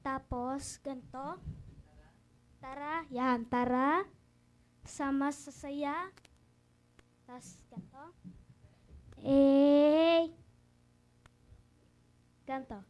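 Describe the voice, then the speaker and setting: A woman's voice: high voice, drawn-out words, long pauses. A woman hosting a kids' show. She questions her guests one by one, then counts out and coaches a dance step by step. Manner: chatty, asks guests questions in turn. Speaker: show host.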